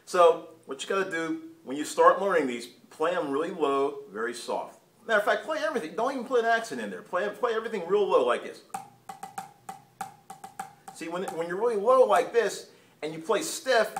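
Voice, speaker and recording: Male drum instructor, relaxed chatty delivery, roomy echo, drumming behind. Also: high-pitched. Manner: relaxed, chatty, scatting drum patterns aloud. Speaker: drum teacher. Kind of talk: casual video lesson.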